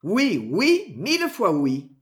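A reader voicing a calm, shrewd male innkeeper in an audiobook. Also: medium pitch, slow. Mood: cool. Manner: cool, dry, unruffled. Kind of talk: audiobook character voice.

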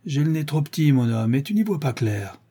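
A calm and powerful male stranger, unshaken and self-assured, speaking in a mellow, husky tone. A man acts him out in a storybook reading. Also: a little high, brisk, voice pushed up. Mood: cool.

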